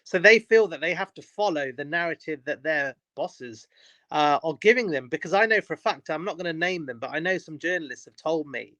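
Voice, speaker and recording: A man's voice: a little high, expressive, fairly quick, pushed and bright, no echo. A man with an emphatic manner and many restarts, talking in a casual podcast chat.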